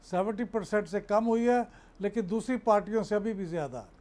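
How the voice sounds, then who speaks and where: A man speaking as a journalist guest on a political talk show, cautious and agreeable with hesitant pauses. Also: sits high, darkish tone.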